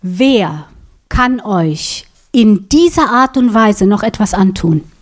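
Woman, preacher, sermon, slow delivery, asks audience questions. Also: mid-range voice, lively intonation. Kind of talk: sermon teaching with props.

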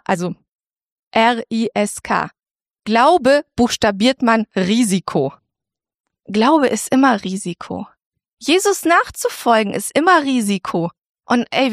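A woman's voice: fairly high pitch, no echo, clean studio sound. A woman giving a casual spoken devotional talk, colloquial and repeating phrases like a mantra.

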